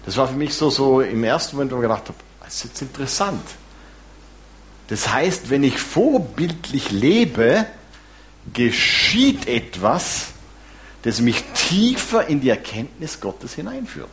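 A man delivers a sermon, his pitch rising and falling with animated emphasis. He mixes earnest teaching with wry, self-deprecating humor. Faint noise sits under the recording. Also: a little slow. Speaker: pastor.

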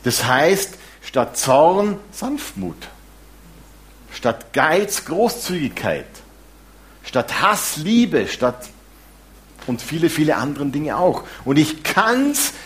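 A man preaching a sermon, lively and warm in his asides, with some self-deprecating humor. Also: on the high side, slow. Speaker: pastor.

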